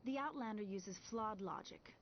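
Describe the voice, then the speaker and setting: A woman's voice: mid-range voice, moderate pace, a little hiss or hum, close to an everyday voice. A woman voicing a stern imperial scholar judge who speaks formally and coldly. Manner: formal, cold, dismissive. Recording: dull lo-fi game audio.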